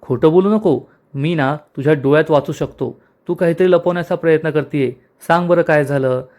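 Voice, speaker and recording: A man's voice: a little high, fairly quick, darkish tone, lightly acted. A man voicing a playful young husband. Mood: bantering. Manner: bantering, chatty.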